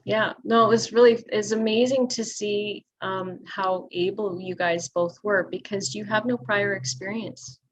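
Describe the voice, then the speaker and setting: A woman fitness instructor talking casually and thoughtfully, pausing with ums as she explains her clients. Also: mid-range voice, fairly even intonation, low-quality recording. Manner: thoughtful, restarts often with ums. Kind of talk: casual conversation.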